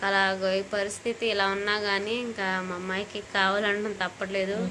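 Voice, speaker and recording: A woman's voice: mid-range voice, flat delivery, fairly quick, noisy background. A young woman, a new mother, talking casually to viewers at home at night, sounding weary and feverish from lack of sleep. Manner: tired, complaining, talking straight to viewers. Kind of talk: casual home vlog chat.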